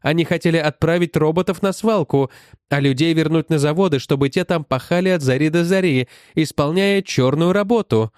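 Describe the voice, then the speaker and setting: A man voicing an old, rusty male robot that was just brought back to life, speaking in a steady, explaining way. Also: on the high side, fairly quick, clean tone, no echo, clean studio sound, lightly acted. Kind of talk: audiobook narration.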